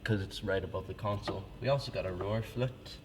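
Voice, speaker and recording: Seated at the console, a man casually shows off church organ stops, chatting informally with plenty of fillers and restarts. His pitch is fairly low and he talks a little fast. A loud pipe organ plays in the background.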